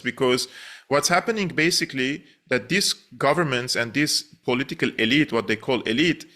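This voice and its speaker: A man's voice: mid-range voice, pushed and bright. A young man from Syria, speaking earnestly and emphatically as a journalist guest in a political interview.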